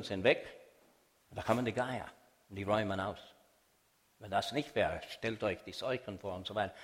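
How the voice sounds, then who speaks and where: A man giving a lively Bible lecture to an audience, teasing listeners and often checking in with a quick "ja?". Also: on the low side. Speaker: Bible teacher speaking to an audience. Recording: long hall reverb.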